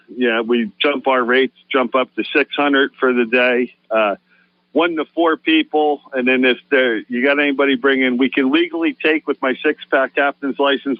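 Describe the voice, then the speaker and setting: An easygoing man of middle pitch talks through his fishing charter as a radio guest, pausing on plenty of fillers. The sound is dry and dull, with a lo-fi radio quality. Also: no room sound. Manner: easygoing, explains at length with many fillers. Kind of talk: casual radio interview. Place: radio studio.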